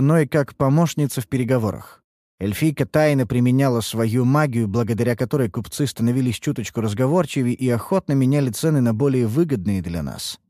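A man reading a first-person fantasy audiobook in an expressive, wry manner. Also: mid-range voice, dry recording, clean studio sound. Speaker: audiobook narrator.

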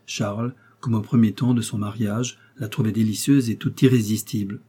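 A man reading a classic novel aloud in measured, expressive narration. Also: fairly low pitch, husky. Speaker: audiobook reader. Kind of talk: scripted literary narration.

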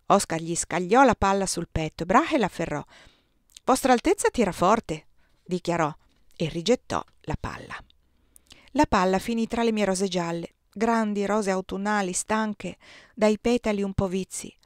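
A woman reading a novel aloud in calm, even narration. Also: mid-range voice, normal speed, no echo, studio quality. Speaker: audiobook reader.

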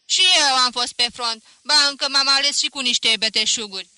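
A woman shouting as an angry mat-seller. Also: high-pitched, smooth, no room sound, voice pushed up. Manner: shouting, blunt. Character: angry man, mat-seller, war veteran.

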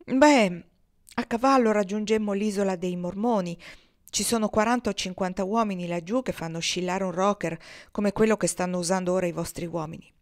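A woman reading the lines of an eager, chatty male gold prospector in a storybook reading, with a lively storytelling tone. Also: mid-range voice, brisk, natural voice.

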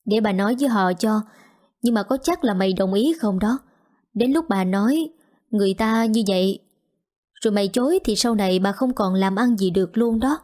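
A woman's voice: medium pitch, moderate pace, darkish tone, close to an everyday voice. A woman voicing a shrewd, businesslike older village matchmaker in an audio story. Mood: persuasive.

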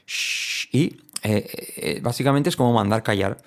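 Gravelly-voiced Spanish man teaching English. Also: medium pitch, a little mellow. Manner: explains, then models words, repeating them slowly. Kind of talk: spoken language lesson.

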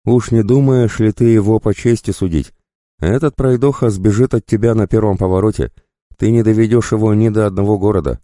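A man's voice: on the low side, fairly even intonation, fairly quick, mellow, dry recording, clean studio sound, pitched above the performer's own voice, natural voice. A man voicing a sly, cruel bandit who goads and mocks. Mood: goading. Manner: jeering, goading.

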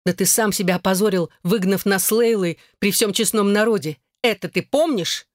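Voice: mid-range voice, normal speed, no echo, clean studio sound, voice pushed up, lightly acted. A reader voicing an angry young woman arguing with her ex-husband in an audiobook. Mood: indignant. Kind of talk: audiobook character voice.

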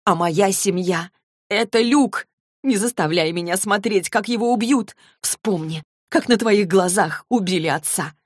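Woman reader doing a frantic young woman, high and pleading, dry close sound. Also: measured pace, no room sound, natural voice.

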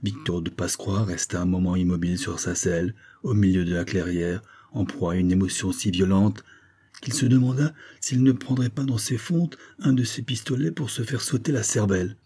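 A man narrating a classic novel as an audiobook, in a steady, measured storytelling manner. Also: sits low, husky. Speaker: audiobook reader.

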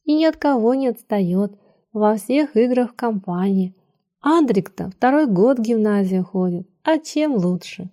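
A woman's voice: a little high, lively intonation, a little slow, warm tone. A woman doing an amused, chatty maid. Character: laughing household maid, easygoing.

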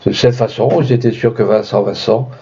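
A man's voice: fairly low pitch, fairly quick, a little mellow, slightly rough. Brief: male storyteller reading horror tales, on a dull lo-fi recording. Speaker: audiobook reader. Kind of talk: audiobook narration.

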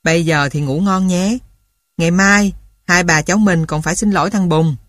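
A woman voicing a kind, forgiving old grandmother in a storybook audiobook, speaking softly and patiently. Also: on the low side, moderate pace, no echo, studio quality, close to an everyday voice. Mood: tender.

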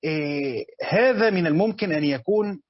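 A man's voice: a little high, expressive, a little fast, no echo, dull audio. A man with an Egyptian accent teaching commentary on a religious text, reading passages and then explaining them in colloquial speech with frequent hesitations. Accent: Egyptian Arabic.

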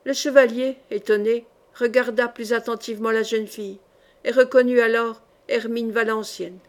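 Expressive woman narrating a historical novel. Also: a little high. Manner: measured, expressive reading. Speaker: audiobook reader.

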